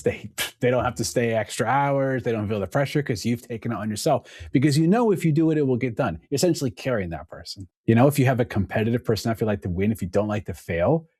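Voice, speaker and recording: A man, a podcast guest, telling stories in a casual conversation with an animated, laughing manner. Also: medium pitch, no room sound, studio quality. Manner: animated storytelling, laughs often.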